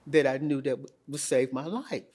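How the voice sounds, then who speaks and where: Animated woman telling her story. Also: very deep voice, normal speed. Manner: lively, animated, quoting herself with emphasis. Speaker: interview guest. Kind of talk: candid storytelling.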